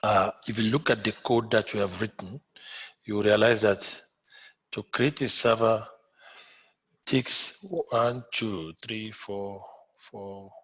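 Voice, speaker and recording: A man's voice: lowish voice, steady tone, takes it slowly, fairly bright tone. Nigerian man teaching a coding class. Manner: repetitive, checks in with students often. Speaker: instructor. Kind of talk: live online coding class. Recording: muffled lo-fi audio.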